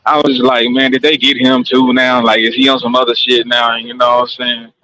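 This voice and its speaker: Bright-voiced laid-back man. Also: medium pitch, level tone, brisk, poor audio. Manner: laid-back, profane, stumbling starts. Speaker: live stream guest. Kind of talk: casual chat.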